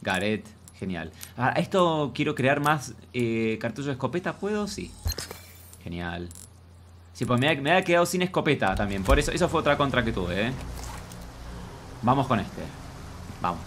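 A man's voice: mid-range voice, sing-song, normal speed, pauses often, a bit bright, a little hiss or hum. A man with a Rioplatense Argentine accent doing let's play commentary, chattering to himself and viewers, repeating phrases and speaking of himself in feminine forms. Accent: Rioplatense Argentine Spanish. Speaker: gaming streamer.

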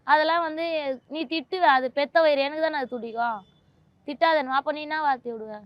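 High-voiced woman, pleading. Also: fairly even intonation, brisk, dry recording, highs cut off. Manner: pleading, aggrieved, insistent. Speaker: interviewee, a mother of two. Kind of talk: emotional interview.

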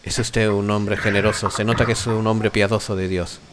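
A man's voice: lowish voice, flat delivery, normal speed, natural voice. A man voicing a kindly, humble priest in a tabletop game, with a Castilian accent and a courteous, hesitant manner. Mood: obliging. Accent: Castilian Spanish. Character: kindly, humble, talkative male church priest. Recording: faint noise on voice chat.

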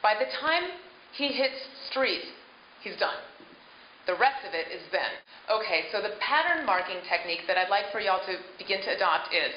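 A middle-aged woman giving instructional workshop talk as a voice acting coach, with emphatic delivery. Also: on the low side. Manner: emphatic, demonstrating script lines. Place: hotel conference room stage. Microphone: handheld microphone. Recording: echoey, dull hotel room recording with hiss.

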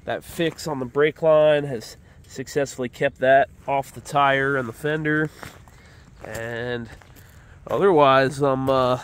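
A man with a medium-pitched, fairly even voice vlogs slowly by the road and a riverbank, with slight hiss or hum on the audio. This easygoing motorcycle traveler, nose stuffy from allergies, narrates casually to an action camera or handheld phone, some shots helmet-mounted, rambling with "uh"s and praise.

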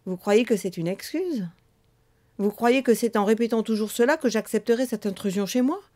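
A woman's voice: medium pitch, expressive, warm tone. A woman voicing a cool, bossy six-year-old girl who scolds and lectures an adult in a storybook reading. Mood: scolding. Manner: curt, scolding, rapid when lecturing.

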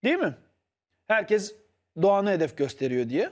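A man with a high voice that jumps all over the place, arguing hard on a studio panel show. He keeps pressing his point and turns to the viewers to back him up. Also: very animated, moderate pace. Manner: insistent, argumentative, appeals to the viewers. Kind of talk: heated TV panel debate.

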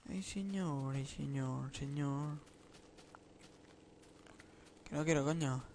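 A man with a Spain Spanish accent giving rambling, excitable let's-play commentary, swearing and singing nonsense syllables as he plays. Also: a little high, slow pace, gravelly, slight background noise. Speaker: gamer.

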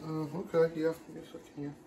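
In a roomy indoor home kitchen, with some background noise and a camera resting on the counter a few feet away, a man hosts a casual cooking video. His voice is fairly high, warm, brisk and monotone, yet he chats playfully and uses pet names as he cooks.

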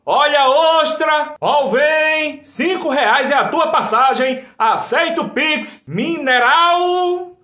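High-pitched man crying out like a market hawker. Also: slow pace. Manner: market hawker's shouted, sing-song sales cries. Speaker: comic creator imitating street vendors. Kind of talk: comic impression of street vendor calls. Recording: roomy echo.

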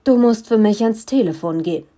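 A cold, mind-controlling young male villain, as a woman reader voices him in an audiobook. He speaks in calm, condescending threats, with a mellow, warm tone that never hurries. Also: on the high side, fairly quick, close to an everyday voice. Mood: coolly threatening. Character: menacing young man who controls minds, cold and mocking.

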